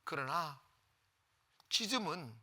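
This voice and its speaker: A preacher voicing a serene male pastor who calmly answers his captors, speaking quietly and steadily, sometimes near a whisper. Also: on the high side, slow, pitched below the performer's own voice, exaggerated voice. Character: calm male pastor facing death, serene.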